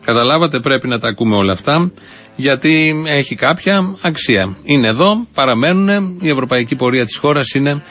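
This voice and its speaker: Male comedy presenter, deadpan irony, faint music bed. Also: mid-range voice. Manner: deadpan, ironic. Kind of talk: mock-serious satirical commentary.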